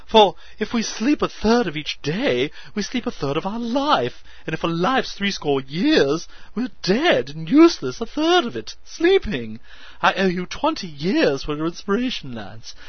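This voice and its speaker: A man voicing a skinny, eccentric male alchemist who talks in a shrill, piping, hysterical gush. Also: huge pitch swings, measured pace, breathy edge, dry recording, lo-fi sound, full character voice. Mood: hysterically excited. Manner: hysterical, breathless, gushing.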